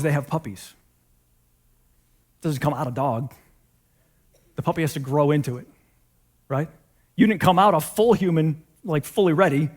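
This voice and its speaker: A man delivers a sermon in a relaxed, chatty way, turning his message into everyday stories. His voice sits high for a man. He often stops to ask the audience questions. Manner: conversational, asks the audience questions; retells stories in a casual everyday way. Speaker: pastor.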